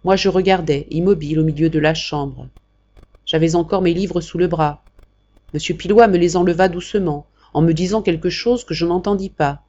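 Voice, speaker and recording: A woman narrating an audiobook in a measured, expressive reading. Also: sits low, lo-fi sound. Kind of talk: scripted narration.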